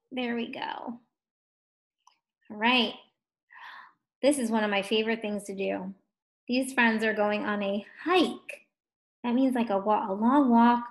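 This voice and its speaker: A young woman teaching a first grade phonics lesson online, encouraging and stretching words out slowly. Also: fairly high pitch. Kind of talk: distance learning phonics lesson.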